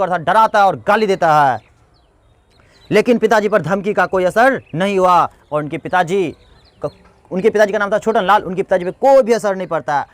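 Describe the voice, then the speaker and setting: A man's voice: high-pitched, no room sound. A male teacher explaining a textbook lesson line by line. He restates each passage in simple words and speaks to the students as friends.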